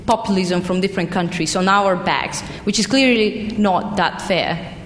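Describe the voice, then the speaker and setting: A woman's voice: mid-range voice, moderate pace. Woman, audience comment, pressing and hesitant, echoey hall with faint noise. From Bulgaria. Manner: earnest, pressing, hesitant restarts. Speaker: audience member. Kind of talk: comment from the floor at a panel. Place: large hall.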